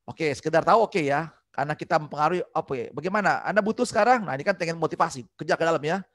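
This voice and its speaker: A man giving an online business communication training, energetic and acting out customer replies. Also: on the high side, fast talker, no echo.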